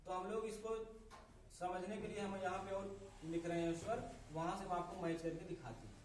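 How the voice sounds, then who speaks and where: A man teaching a grammar lesson, explaining slowly and methodically, spelling out sounds one by one. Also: high-pitched. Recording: echoey room, voice from a distance, faint ambient noise.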